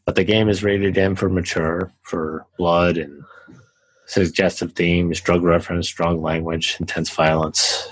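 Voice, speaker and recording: Deep-voiced man casually reviewing a game. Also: a little slow, slightly rough, poor audio. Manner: relaxed, rambling with fillers and restarts. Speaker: podcast co-host.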